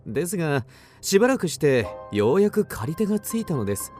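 Obsessed storyteller, suspenseful, animated, over music. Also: male voice, fairly high pitch, fairly quick. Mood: ominous recounting. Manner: suspenseful, theatrical, with sudden swings. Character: obsessed, agitated man recounting an eerie mystery. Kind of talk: dramatic first-person radio drama narration.

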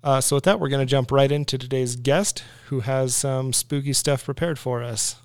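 A man's voice: medium pitch, steady tone, normal speed, clear, resonant tone, dry recording, studio quality. A man hosting a podcast in casual chat, friendly and folksy with light teasing. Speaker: podcast host.

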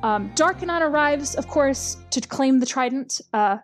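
A woman's voice: high-pitched, lively intonation, unhurried, faint music behind. A woman casually recapping a storyline, wry and chatty, with lots of ums and uhs.

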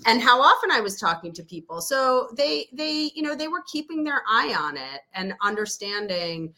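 A woman's voice: on the high side, big pitch swings, moderate pace, bright, forceful tone. A woman in her fifties, a guest in a podcast interview, explaining at length with many fillers and restarts. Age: 50s. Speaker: interview guest, company spokesperson. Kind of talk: casual interview chat.

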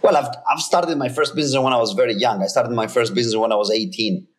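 A company founder in his thirties, originally from Greece, speaks fast in a medium-pitched voice. As a guest in a casual interview, he is earnest and emphatic, frequently restarting his sentences.

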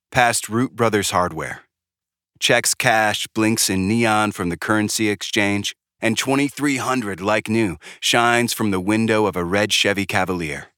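A man reading a scripted devotional in a calm, measured, prayerful way, close to the mic. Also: lowish voice, clear, resonant tone, no echo. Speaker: devotional writer and reader. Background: soft background music.

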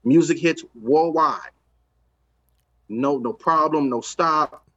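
A man's voice: fairly high pitch, slow, a bit bright, lo-fi sound. A man from Los Angeles, a record executive talking in a casual podcast chat, emphatic and streetwise, repeating his points.

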